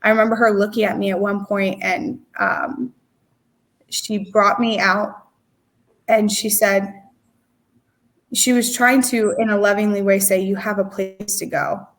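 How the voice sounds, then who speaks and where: A woman's voice: mid-range voice, fairly even intonation, unhurried, long pauses. A woman in her twenties, an interview guest telling a personal story in a candid, emotional way, with many fillers and restarts. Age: 20s.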